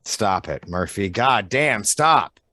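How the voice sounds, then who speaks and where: Casting: man reading an exhausted young man, low voice, slow and dry. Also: animated, no room sound. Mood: angry. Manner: slow, tired and strained. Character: weary young man leaving home. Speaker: actor in a play reading. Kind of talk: online play reading. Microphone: video call.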